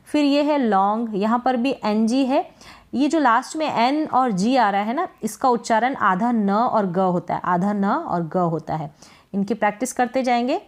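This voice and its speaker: A woman teaching English pronunciation. She asks short questions and answers them herself, repeating each word. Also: mid-range voice. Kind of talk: pronunciation lesson.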